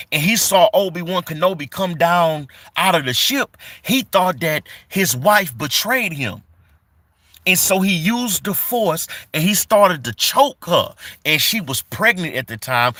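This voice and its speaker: A man in his forties chats casually on a live stream, reading comments aloud and greeting viewers. His high-pitched voice is bright and forceful, and his delivery is loose and repetitive, full of fillers. The recording is dry and close to the mic.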